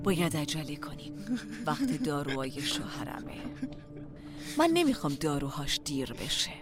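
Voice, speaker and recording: A protective, soothing wife. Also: female voice, sits low, big pitch swings, music in the background. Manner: soothing and motherly, then firm. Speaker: wife caring for her husband. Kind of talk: dubbed film acting. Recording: loud film score behind the voice.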